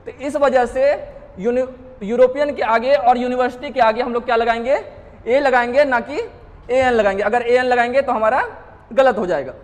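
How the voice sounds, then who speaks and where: Recorded with a long reverb tail, an English grammar teacher at a coaching class speaks in a very high-pitched voice with fairly even intonation and normal speed. His exam-prep lesson proceeds step by step through self-answered rhetorical questions and frequent checks on student understanding.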